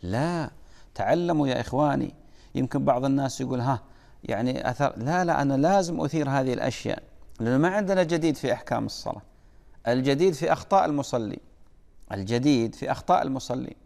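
A man leads a religious lesson, emphatic and corrective as he drills pronunciation. His voice sits at a middle pitch for a man. It rings with the long reverb of a large hall. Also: fast talker, creaky, darkish tone. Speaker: preacher.

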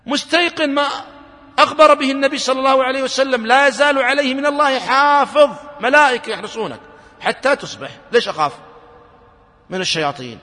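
A man's voice: very high voice, fast, bright, forceful tone, long reverb tail. A man preaching a sermon in earnest, asking his listeners question after question.

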